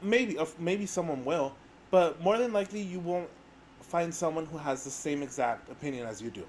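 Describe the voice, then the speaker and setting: A young man with a Spanish accent chatting as a podcast co-host. His voice sits high for a man and swings widely in pitch as he talks. He is animated and sometimes gropes for a word mid-sentence, with a faint hum of room ambience behind him. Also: normal speed. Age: 20s. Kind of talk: casual chat.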